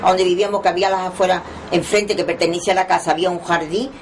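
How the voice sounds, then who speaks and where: A woman's voice: on the low side, fairly even intonation, very fast, slight background noise. Elderly woman reminiscing. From Torremolinos, Spain. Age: 90s. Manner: rambling reminiscing with frequent restarts. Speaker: oral history interviewee. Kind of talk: oral history interview.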